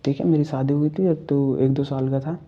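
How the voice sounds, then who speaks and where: Aging tailor dad, voiced by a male narrator, plain and advising, with a flat, husky delivery. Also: mid-range voice, fairly quick, muffled recording, close to an everyday voice. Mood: confessing. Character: worried old male master tailor, a father.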